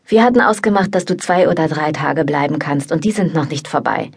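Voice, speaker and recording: A woman's voice: deep voice, lively intonation, fairly quick, vocal fry, slightly rough, heavily acted. A woman voicing a laid-back young man. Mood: relaxed. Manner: easygoing, bossy. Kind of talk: audiobook dialogue.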